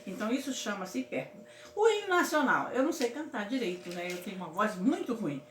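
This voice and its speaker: A woman's voice: medium pitch, expressive, fast, slight background noise. A woman teaching a casual grammar lesson, from Brazil, affectionately calling her students "my loves" and checking in with them often. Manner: affectionate, repeats "certo, meus amores?". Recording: echoey room with faint ambience.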